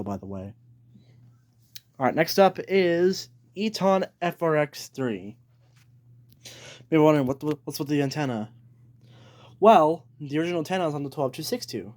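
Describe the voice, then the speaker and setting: In a noisy home recording with clicks, a man casually shows off his weather radio collection, rambling, backtracking and repeating himself. His fairly high voice is expressive and slightly mellow, at normal speed with long pauses.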